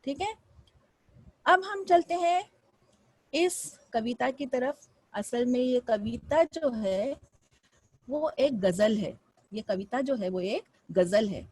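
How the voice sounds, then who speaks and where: A woman teaching a class, from Mumbai, speaking with lively rises and falls and often asking her students questions. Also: on the high side, slow pace, pauses often. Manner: expressive, rising and falling delivery with frequent questions to students. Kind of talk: classroom lesson.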